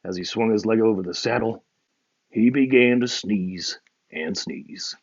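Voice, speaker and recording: A man reading a children's storybook aloud with expressive narration, on a muffled lo-fi recording. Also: on the low side, unhurried, slightly rough. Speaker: storybook reader.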